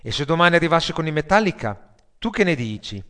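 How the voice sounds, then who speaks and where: A man voicing a sardonic, foul-mouthed male metalhead worker who grumbles and swears loudly. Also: a little high, sing-song, quick pace. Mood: grumbling.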